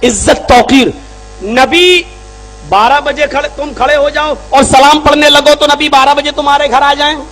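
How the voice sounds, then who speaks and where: Very high voiced guy preaching, tells stories back and forth, gets loud and shouty, faint hum underneath. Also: moderate pace, poor audio. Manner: builds to shouted emphasis; retells arguments in dialogue. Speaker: Islamic preacher. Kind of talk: sermon with storytelling.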